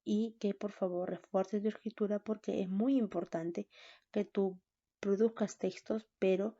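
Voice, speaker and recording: A woman teaching a recorded online class, slow and patient, often checking in with "¿no?". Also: medium pitch, steady tone, mellow. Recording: dull lo-fi sound.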